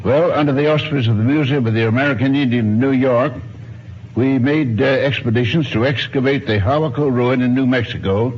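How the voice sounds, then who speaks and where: Here the same nonagenarian archaeologist and ethnologist talks fairly quickly in a mid-range voice with a breathy edge. He answers the radio interviewer formally and precisely, using dated phrasing, on a muffled, noisy 1950s broadcast.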